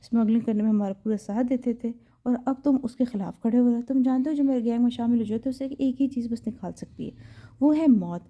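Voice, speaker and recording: A woman reading out a volatile young gang boss in an audio novel, possessive and quick to snap into harsh threats. The voice sits fairly high and comes through a muffled, lo-fi recording. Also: mellow, natural voice. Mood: menacing. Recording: slightly dull lo-fi recording.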